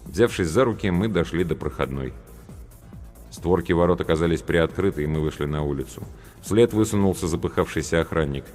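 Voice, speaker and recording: A man narrating an audiobook story in a measured, grave storytelling manner. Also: low-pitched, darkish tone. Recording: long reverb with faint music.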